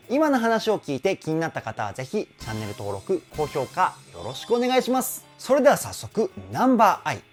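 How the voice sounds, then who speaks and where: A man working as a vocal trainer, explaining singing technique in an enthusiastic, animated way. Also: on the high side. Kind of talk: reaction and vocal analysis commentary.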